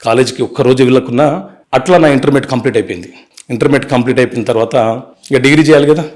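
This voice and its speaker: Brisk, fast-talking man. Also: medium pitch, darkish tone. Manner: earnest, brisk storytelling with English words mixed in. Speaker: advocate, interview guest. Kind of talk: interview, recounting his life story.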